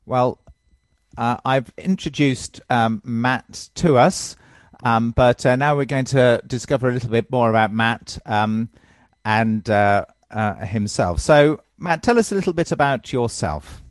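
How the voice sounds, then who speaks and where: A man leading an interview who asks questions haltingly, with many fillers. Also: mid-range voice, dry recording, studio quality.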